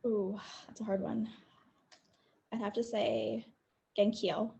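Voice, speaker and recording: A young woman from the American South talks on a video call. Her voice has a gravelly edge, and she keeps her answers brief and upbeat, laughing easily. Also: a little high, little pitch movement, slow pace, warm tone, highs cut off. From United States, the South. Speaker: guest, football player. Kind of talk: casual interview over a video call.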